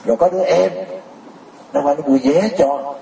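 Mellow-voiced monk preaching. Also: male voice, fairly high pitch, moderate pace, creaky, slight background noise. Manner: keeps pressing the crowd with rhetorical questions, often laughing. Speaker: Buddhist teacher. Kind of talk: sermon to a congregation. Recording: roomy, distant mic.

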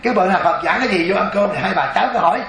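A man, a Buddhist preacher telling a story in a lively sermon, asking his audience questions. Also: sits high, very fast, vocal fry, reverberant.

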